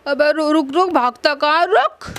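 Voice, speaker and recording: A woman voicing an angry male householder threatening a thief with rough slang. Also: high-pitched, moderate pace, a bit bright.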